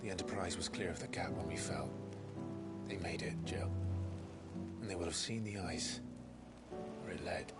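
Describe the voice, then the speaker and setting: An actor voicing a brooding young swordsman who speaks low and half-whispered, heard as game audio on a stream. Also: normal speed, long pauses, natural voice. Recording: distant game audio from a stream, roomy, music behind.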